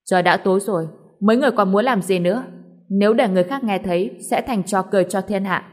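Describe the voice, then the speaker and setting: A woman's voice: medium pitch, quick pace, close to an everyday voice. A woman voicing a stern middle-aged father who orders the family to stop. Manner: stern, commanding.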